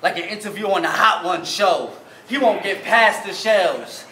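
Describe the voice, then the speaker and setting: Bright-voiced New York battle rapper. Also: male voice, high-pitched, expressive, normal speed, slight background noise. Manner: punchy, mocking wordplay. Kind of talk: battle rap verse. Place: barbershop event space. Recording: echoey room.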